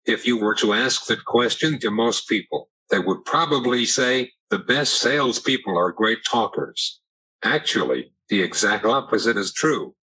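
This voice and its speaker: Male, synthetic computer voice, lowish pitch, raspy edge, scripted sales-trainer delivery, measured. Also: lively intonation, pushed and bright, low-quality recording. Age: 70s. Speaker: podcast guest, sales trainer. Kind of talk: scripted explanation in a computer text-to-speech voice.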